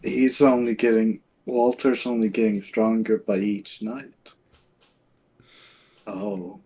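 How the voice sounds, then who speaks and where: A man's voice: on the low side, level tone, slow pace, mellow, husky, rough recording. A man chatting casually as a player at a tabletop role-playing game.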